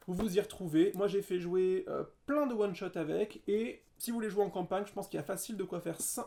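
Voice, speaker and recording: Gravelly-voiced guy gushing about tabletop games on a podcast, playful and quick with jokes. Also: high-pitched, dark tone, slight background noise. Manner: enthusiastic, playful, quick asides. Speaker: podcast co-host.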